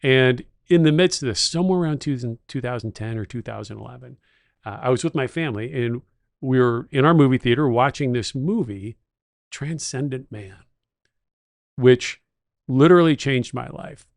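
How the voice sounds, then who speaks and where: A middle-aged man co-hosting a podcast, with a gravelly, fry-edged voice. He speaks at an ordinary pitch and tells stories with keen enthusiasm, and the sound is dry and close with no room echo. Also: normal speed. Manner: enthusiastic storyteller, techno-utopian. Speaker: podcast co-host. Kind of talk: casual chat.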